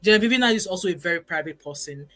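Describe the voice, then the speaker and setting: A woman's voice: fairly low pitch, lively intonation, very fast, bright, forceful tone, faint music behind. A Nigerian woman in her forties hosting a casual live stream, reading viewer comments in an emphatic, chatty way and dropping in pidgin words. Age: 40s.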